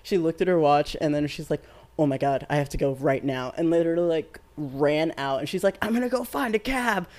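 A twenty-something podcast co-host telling a story in loose casual chat. This voice sits at an ordinary middle pitch and keeps breaking into laughter between sentences. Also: fairly even intonation, a little fast, a little mellow. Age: 20s. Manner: laughs often while telling stories.

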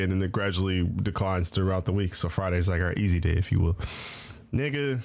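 A man's voice: low voice, dry recording. A man co-hosting a podcast in casual chat, rambling along with slang and swearing. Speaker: podcast co-host.

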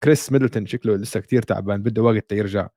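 Fast-talking man with a Levantine Arabic accent. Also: fairly low pitch, fairly even intonation, mellow, dry recording, studio quality. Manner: mixes English basketball terms into Arabic. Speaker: basketball podcast host. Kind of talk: casual sports chat.

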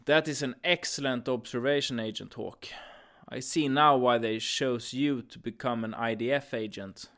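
A man's voice: medium pitch, normal speed, a bit bright, close to an everyday voice. A man playing a firm agency commander. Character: stern male time-travel agency commander. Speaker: actor in an audio drama. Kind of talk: audio drama acting.

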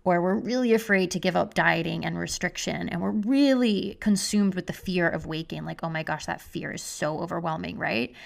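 A woman's voice: fairly low pitch, moderate pace, gravelly, few pauses. A woman hosting her own podcast from her living room, talking casually and gushing, with many "like" fillers. Her voice is muffled because she is recording under a blanket. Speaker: podcast host and health coach. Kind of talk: casual solo podcast monologue. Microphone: podcast mic under a blanket.

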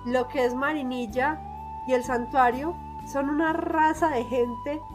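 A young Colombian woman with a paisa accent, chatting as a podcast guest in a lively, laughing, storytelling way. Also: high-pitched, a little slow, over music. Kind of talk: casual conversation.

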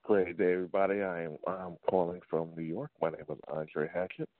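Guy calling in over the phone, real low voice, tinny dry line, repeats himself to make the point. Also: fairly even intonation, no echo. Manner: deliberate, repeats points for emphasis. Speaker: caller to a talk radio show. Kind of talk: call-in opinion on a talk show.

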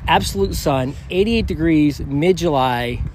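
A middle-aged man co-hosting a podcast in casual chat, easygoing and quick to laugh. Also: fairly high pitch, a little hiss or hum. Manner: easygoing, laughs often, reads aloud flatly. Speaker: podcast co-host.

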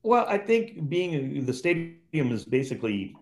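With a fairly high, darkish voice that swings widely in pitch, a fifty-something radio sports commentator from Cleveland, Ohio speaks a little slowly. As a podcast guest, he reflects easily on his career in relaxed conversational storytelling.

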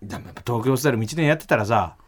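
A man in his forties with a Kansai accent, co-hosting a radio comedy show, animated and breaking into loud comic outbursts. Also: medium pitch, very fast. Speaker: radio comedy duo host. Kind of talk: casual radio banter.

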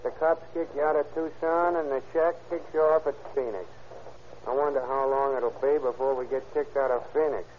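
An actor playing a shabby, slangy, grumbling drifter and petty crook in a 1930s radio drama. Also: male voice, mid-range voice, fairly even intonation, normal speed, natural voice. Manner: slangy, plain-spoken grumbling. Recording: muffled, noisy 1930s radio recording.

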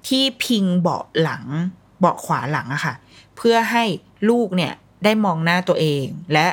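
A woman's voice: on the low side, expressive, normal speed, husky. A woman, a mother telling parenting stories in a blunt, casual, colloquial way. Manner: blunt, colloquial, acts out quoted voices. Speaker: mother sharing parenting advice. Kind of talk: casual storytelling chat.

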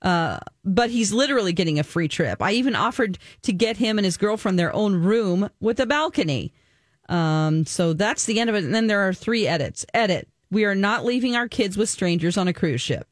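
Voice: medium pitch, animated, normal speed, dry recording, studio quality. A radio co-host reading a listener's story aloud, then chatting with a wry, casual manner.

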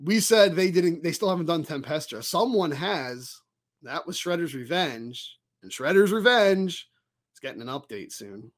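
A man co-hosts a casual fan podcast in a slightly higher voice. He talks in an animated, rambling way and drops the odd swear word. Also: moderate pace. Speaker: podcast co-host. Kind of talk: casual chat.

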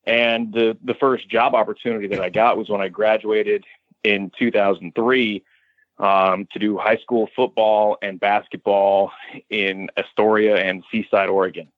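An American sports radio announcer in his thirties from Westchester County, New York, talks conversationally and at length as an interview guest. His voice is on the low side, level and unhurried, heard on narrow, tinny audio with no echo.

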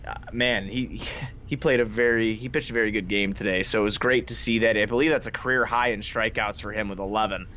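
A man's voice: on the low side, fairly even intonation, brisk, sharp tone. A man hosting a sports podcast, recapping a game in casual, informal, slangy chat. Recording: dull lo-fi sound with faint noise.

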